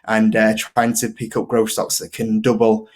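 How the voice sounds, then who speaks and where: Even-toned man with a Yorkshire accent. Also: lowish voice, normal speed. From Leeds, Yorkshire, UK. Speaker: investing video creator, guest. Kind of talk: casual interview chat.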